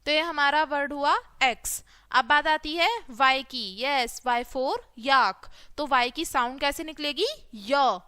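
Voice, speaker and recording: A high, bright woman's voice teaching phonics to children at an unhurried pace. She asks a question, then answers it herself, and draws out each letter sound. The recording is close and dry. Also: dry recording.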